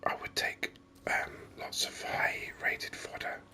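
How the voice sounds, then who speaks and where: This is a slow, bright, forceful delivery from a gaming host doing ASMR commentary in a breathy, unvoiced whisper. The microphone sits very close to the mouth, the talk rambles hesitantly, and it plays as a voice-over on game screen capture.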